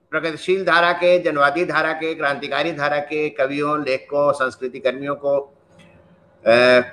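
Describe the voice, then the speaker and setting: A male host speaks with slow deliberation, pausing often as he introduces his guest. His voice sits a little high and sounds bright and forward. The delivery is formal and measured. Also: poor audio. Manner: slow, measured, with frequent hesitations. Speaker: interviewer and host. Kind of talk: formal Hindi interview introduction.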